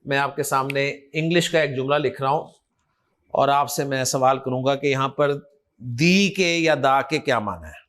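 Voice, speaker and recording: In this clip, the Urdu-accented Quran grammar teacher speaks at a normal speed in a medium, slightly bright voice. He keeps his classroom lecture interactive, quizzing students back and forth and coaxing their responses.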